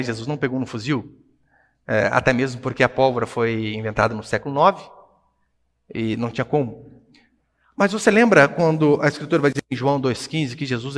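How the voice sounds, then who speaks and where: In a large church hall, a pastor with a Brazilian Portuguese accent preaches a sermon. His medium-pitched delivery swings animatedly between hushed and loud.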